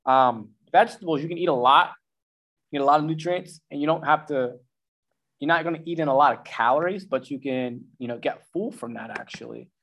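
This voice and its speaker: A man's voice: medium pitch, fairly bright tone. A man giving casual advice on meal timing and food as a coach, talking loosely with slang and filler words. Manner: loose and conversational, slangy, acts out the brain in goofy voices. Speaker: nutrition coach. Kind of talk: casual instructional talk.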